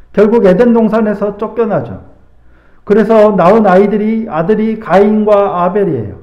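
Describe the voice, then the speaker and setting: A man with a high voice and a mellow, darker tone preaches a sermon at a slow, deliberate pace. His words carry through a roomy church with dull, muffled audio. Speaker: pastor. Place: church sanctuary.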